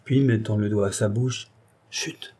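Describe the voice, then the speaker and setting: A man reading a classic novel aloud as an audiobook narrator, in a steady, measured literary delivery. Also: lowish voice, breathy edge. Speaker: audiobook reader. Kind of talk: scripted narration.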